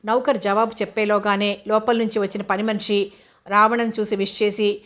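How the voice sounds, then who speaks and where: A woman reading a novel aloud as narrator, in a steady, even audiobook style. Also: mid-range voice, moderate pace.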